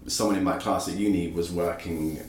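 A man's voice: low voice, a little fast, a little hiss or hum. A man in his thirties, a filmmaker, chatting casually in an interview with lots of "like" and "kind of", recorded in an echoey office room on a cheap recorder. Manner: relaxed, rambling, with many "like" and "kind of" fillers. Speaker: guest, filmmaker.

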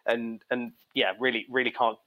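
A man speaking as a guest cook, relaxed and chatty, chuckling as he talks. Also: mid-range voice, normal speed, phone-quality sound. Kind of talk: casual interview chat.

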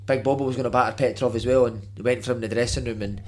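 A man's voice: medium pitch, fairly even intonation, fast. A man with a Glasgow accent telling casual anecdotes in matey, sweary street vernacular, over background noise. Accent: Glasgow, Scottish.

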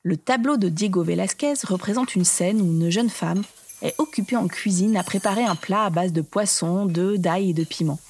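A woman reading scripted documentary narration in a measured, explanatory way. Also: mid-range voice, a little mellow, a little hiss or hum.

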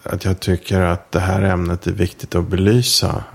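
A man, an author, talking in a relaxed interview and telling an anecdote in a reflective way. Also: sits low, slightly rough. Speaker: author guest. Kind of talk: casual interview talk.

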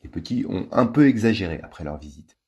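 A man reads a children's novel aloud with playful, lively expression. His voice is on the low side and slightly husky. His pitch moves widely as he tells the story. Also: brisk. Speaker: storybook reader.

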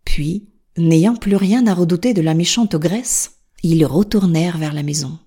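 A woman reading a fairy tale aloud in a soft, half-whispered narration. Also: on the low side, moderate pace, breathy edge. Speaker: storyteller.

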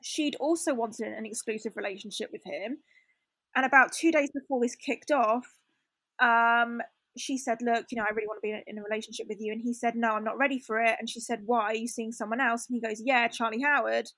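A woman's voice: a little high, fairly even intonation, brisk, fairly bright tone, dry recording. A young woman telling a personal story in a candid, chatty way, full of fillers and restarts. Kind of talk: casual storytelling chat.

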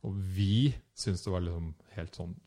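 A man with a fairly low voice tells a travel story in relaxed conversation. He gets animated as he goes and jumps up in pitch when he acts out the people in it. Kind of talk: casual storytelling chat.

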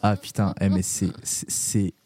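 A young man from France, a poet guest on a podcast, talking frankly and hesitantly in a casual conversation, with many pauses and restarts. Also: low voice, completely flat delivery, mellow, husky, soft background music.

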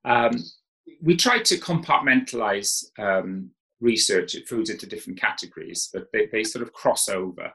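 A man's voice: fairly low pitch, lively intonation, moderate pace, gravelly, sharp tone, rough recording. A man from Wales, a professor speaking as an expert guest who explains in an informal way, often restarting his sentences. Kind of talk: conversational interview.

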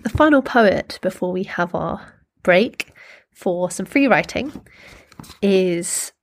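A woman hosting a poetry workshop, speaking gently and thoughtfully, in a reflective style and without hurry. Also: on the low side, animated. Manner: gentle, unhurried, thoughtful, pausing to find words. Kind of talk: reflective talk with slow poetry readings.

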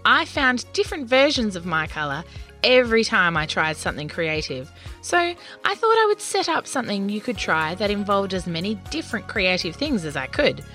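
A woman voicing a cheerful, creative female unicorn in a storybook, speaking in a lively, inviting way. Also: medium pitch, normal speed, soft background music.

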